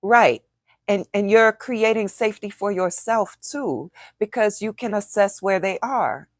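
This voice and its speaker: A woman's voice: medium pitch, unhurried, dry recording, clean studio sound. A middle-aged woman teaching in a conversational way, acting out example phrases and asking rhetorical questions. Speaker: author and coach.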